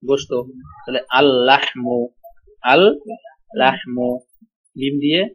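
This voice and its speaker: A man teaching an Arabic class, speaking slowly and repeating each word for his students to echo. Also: mid-range voice, flat delivery, fairly bright tone, slightly rough. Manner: slow, drills pronunciation, repeats words for students. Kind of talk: online language class. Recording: dull lo-fi audio.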